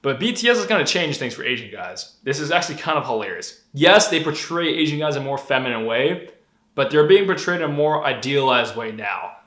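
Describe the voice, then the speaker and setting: A young Denver native speaks a little fast in a mid-range voice during his casual vlog monologue. He's open and profane, an animated storyteller, and the recording comes from an echoey room.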